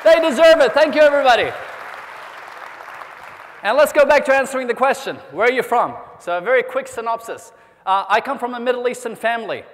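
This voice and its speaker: A high-voiced man from New Zealand gives a motivational keynote to a convention audience at a fairly quick clip. He draws the crowd in with questions and prompts for applause, and a long hall reverb rings around his voice.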